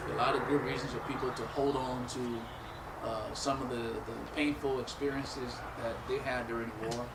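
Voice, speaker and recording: A man from Liberia, talking earnestly and reflectively in an interview. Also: medium pitch. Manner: earnest, reflective, many fillers. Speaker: actor interviewed about a film. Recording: echoey, distant, loud noise and traffic. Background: loud ambience and vehicles.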